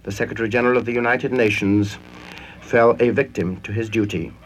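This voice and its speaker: A man interpreting a formal speech as a translation voice-over, speaking in a formal, measured way. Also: fairly low pitch, steady tone. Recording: noisy 1960s radio broadcast recording.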